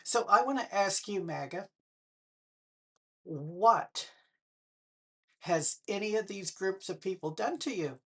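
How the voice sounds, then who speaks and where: An older woman with a husky, slightly breathy voice talks to camera in an unhurried way. She keeps throwing pointed questions at her audience, with a dry sarcastic bite. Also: medium pitch, expressive, fairly bright tone. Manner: pointed rhetorical questions addressed to the viewer. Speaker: political vlogger. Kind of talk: direct-to-camera commentary.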